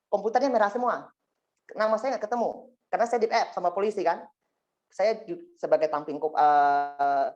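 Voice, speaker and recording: Addressing a congregation, a man shares his testimony as rambling storytelling, often turning to listeners with "ya kan" and "singkat cerita". His voice is on the high side and a little mellow, and the lo-fi recording sounds dull.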